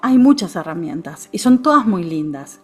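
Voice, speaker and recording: A woman with a Rioplatense Spanish accent, a therapist guest explaining things in a calm, reflective way, often ending her phrases with a questioning tag. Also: fairly low pitch, normal speed, faint music behind. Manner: calm, reflective, frequent "¿no?" tags. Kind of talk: conversational explanation.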